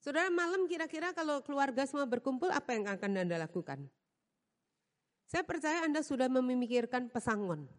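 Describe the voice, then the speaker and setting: Lively high-voiced woman preacher. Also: fairly quick. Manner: lively, humorous storytelling, laughs often. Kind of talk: sermon. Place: church with balcony. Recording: long reverb of a church hall.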